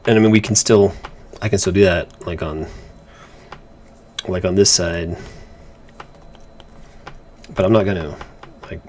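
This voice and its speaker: Deep and a little mellow, this man's voice moves at a measured pace with long pauses, and a slight hiss or hum sits under it. He's a comic artist co-hosting a drawing livestream, making casual, rambling chat as he draws, stumbling, repeating words and restarting often.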